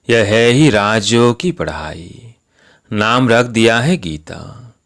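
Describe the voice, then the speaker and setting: A man reading a spiritual discourse aloud in a calm, measured, instructive way. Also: on the low side, vocal fry. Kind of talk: slow devotional sermon reading.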